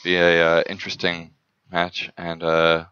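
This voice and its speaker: Aussie guy doing card game commentary, low voice, bright sound, dry jokes, dull lo-fi audio. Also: completely flat delivery, unhurried, clear, resonant tone, dry recording. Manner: dry, sarcastic humor.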